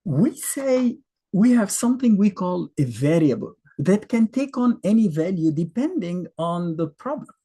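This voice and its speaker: In an unhurried, relaxed lesson, a fifties-aged math teacher with an Egyptian accent and native Arabic explains things chattily, thinking aloud with fillers and lots of rhetorical questions. His voice is husky and mellow, its pitch moving up and down a great deal.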